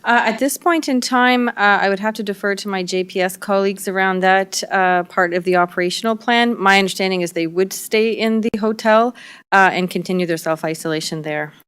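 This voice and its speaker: A middle-aged woman, a public health doctor, answering reporters' questions at a press briefing in a measured way with frequent fillers. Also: mid-range voice, a bit bright, clean tone.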